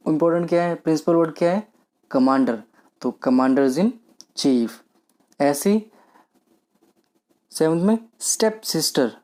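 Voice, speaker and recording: A man giving an online grammar lesson, asking himself questions and answering them, and slowing down to read example sentences aloud. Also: on the high side, darkish tone. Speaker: grammar teacher.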